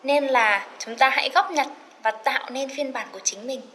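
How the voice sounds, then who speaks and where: A woman teaching an English lesson, chatty and encouraging, slowly repeating words to drill their pronunciation and mixing in English phrases. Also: high-pitched, a bit bright, a little hiss or hum. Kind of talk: recorded classroom lesson.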